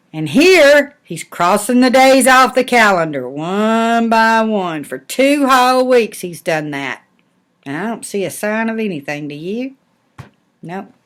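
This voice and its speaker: An older woman with a Southern US accent reads a picture book aloud in a folksy grandmotherly manner, chatting to children in asides. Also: medium pitch.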